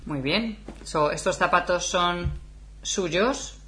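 A woman's voice: fairly low pitch, slow, fairly bright tone. A woman, teaching a casual lesson and chatting as she goes. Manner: chatty, laughs often, switches between Spanish and English. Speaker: Spanish teacher.

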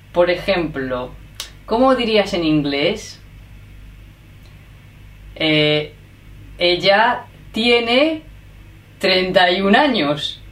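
A woman in a lively, teasing way. She sits some distance from the mic. The room around her echoes. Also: on the low side, slight background noise. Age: 30s. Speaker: interviewer, video host. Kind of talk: casual chat.

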